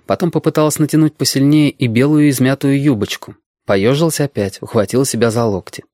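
A man's voice: mid-range voice, a little fast, warm tone, no echo. Man narrating an audiobook, dry close sound.

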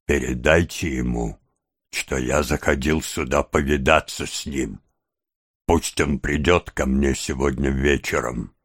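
A sly, secretive old fence, voiced by a man reading aloud, murmurs in a hushed, cavernously deep register. He drags each phrase out slowly, as if every word were part of a plot. The sound is close and dry, with no room around it. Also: steady tone. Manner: hushed, low, drawn-out scheming tone.

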